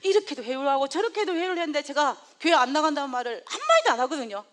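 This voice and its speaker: Brief: high-voiced woman preacher, storytelling sermon with frequent laughs. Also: sing-song, very fast, a bit bright. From South Korea.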